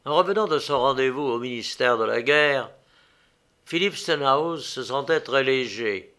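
A man reading a novel aloud as narrator, measured and steady. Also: medium pitch. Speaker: audiobook narrator.

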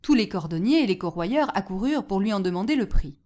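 Expressive woman reading a fairy tale. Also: medium pitch, fast talker. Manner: expressive storytelling. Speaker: narrator.

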